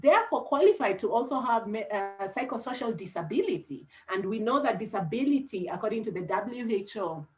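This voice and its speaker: A woman's voice: mid-range voice, very animated, brisk, few pauses, a little mellow, poor audio. A woman psychologist with a Kenyan English accent, speaking earnestly on a panel. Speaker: psychologist and consultant. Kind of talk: panel talk.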